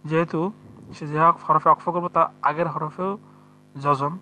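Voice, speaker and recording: A man with a bright, fairly high voice that stays within a narrow pitch range. He patiently spells out letters and vowel marks one at a time, then draws the verse out in a slow chant. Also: level tone, a little hiss or hum. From Bangladesh. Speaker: Quran reading teacher. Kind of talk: step-by-step recitation lesson.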